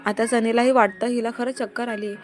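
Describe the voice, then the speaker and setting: A woman storyteller narrates an episode of a serial story in a brisk, plain way. Her voice sits slightly high, and a steady music bed runs beneath the whole reading. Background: background music.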